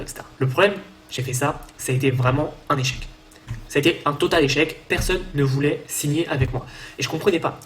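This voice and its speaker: Fast-talking young French man pitching. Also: a little hiss or hum. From France. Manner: fast, chatty and self-mocking, addressing the viewer directly. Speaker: online business coach. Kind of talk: casual sales pitch to camera.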